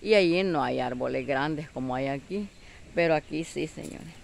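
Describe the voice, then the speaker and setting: A woman's voice: low-pitched, moderate pace, gravelly. A Salvadoran woman filming herself outdoors at her rural home on a windy day, talking casually to her viewers and urging them again and again to look. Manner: chatty, keeps calling on viewers to look, with frequent "¿verdad?". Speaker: vlogger.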